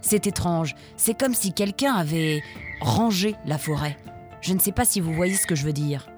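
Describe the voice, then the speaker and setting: A woman's voice: lowish voice, normal speed, darkish tone, soft background music, lightly acted. A woman voicing a wary, tough male fox scout who knows the forest well. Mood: uneasy. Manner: uneasy, then coldly threatening.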